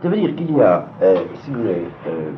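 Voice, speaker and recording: A man's voice: on the low side, very animated, brisk. A man teaching a Talmud seminar to a class, hesitant, with many fillers and repeated words. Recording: phone-like lo-fi recording with faint noise.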